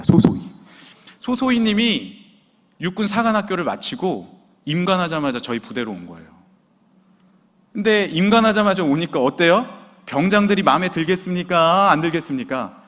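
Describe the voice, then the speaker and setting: High, animated Korean pastor preaching. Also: male voice. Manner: dramatic preaching, acting out quotes, shouted hallelujahs. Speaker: senior pastor. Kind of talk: sermon. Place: church sanctuary. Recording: long hall reverb.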